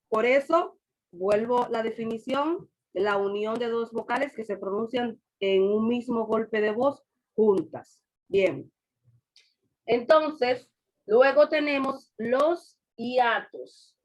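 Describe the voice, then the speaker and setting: A woman's voice: a little high, takes it slowly. A woman teaching a class over a video call, patiently repeating examples and quizzing her students. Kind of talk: online class lecture.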